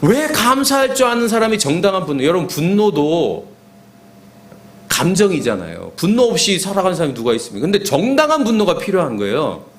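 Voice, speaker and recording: A man preaching a sermon as pastor, animated, dropping to soft asides. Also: high-pitched, fairly quick. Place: church sanctuary.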